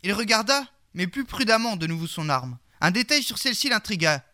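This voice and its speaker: Bright-voiced man narrating a comic tale. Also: high-pitched, big pitch swings, fairly quick. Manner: mock-solemn, with absurd asides.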